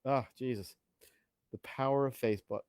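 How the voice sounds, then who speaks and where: A man's voice: mid-range voice, moderate pace, darkish tone, smooth, no room sound, clean studio sound. A middle-aged man co-hosting a casual live-stream chat, joking and exclaiming often with trailing asides.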